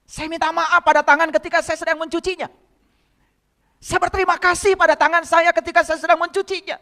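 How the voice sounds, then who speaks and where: A man's voice: very high-pitched, flat delivery, a little fast, bright, forceful tone. Guy preaching, keeps firing questions at the crowd, big hall echo. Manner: rhetorical questions to the audience. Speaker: spiritual teacher. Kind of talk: sermon to a congregation. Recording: long hall reverb.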